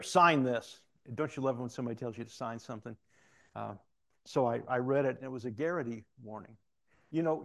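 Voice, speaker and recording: A middle-aged man with a mid-range, gravelly, darkish voice preaches a sermon built around a personal story. He acts out the voices of the people in it and adds asides.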